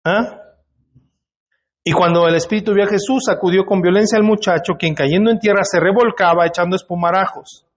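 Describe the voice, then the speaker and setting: Pastor guy preaching in church, fairly high voice, keeps asking the crowd questions. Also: a little fast. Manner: conversational preaching, asks the congregation questions. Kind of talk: sermon. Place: church hall.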